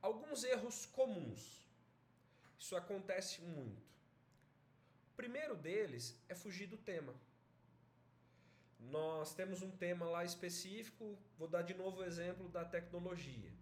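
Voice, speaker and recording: Lively Brazilian male teacher, echoey room. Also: high voice, a little slow, pauses often, slight background noise. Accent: Brazilian Portuguese. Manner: explanatory, chatty, checks in with students. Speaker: essay writing teacher. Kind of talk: online class lecture.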